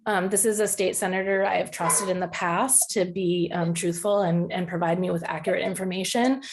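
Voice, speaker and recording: A woman's voice: lowish voice, fairly even intonation, normal speed, a little hiss or hum. Woman caller heard through a speakerphone held up to the mic, distant, earnest, hesitant, filler-heavy. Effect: phone voice played on speakerphone and re-recorded in the meeting room. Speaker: caller giving public comment. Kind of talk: public comment at a school board meeting.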